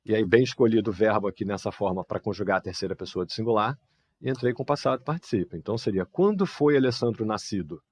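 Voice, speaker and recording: A man teaching a live English lesson, explaining step by step and saying the example phrases slowly. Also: on the low side, breathy edge, dry recording. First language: Portuguese.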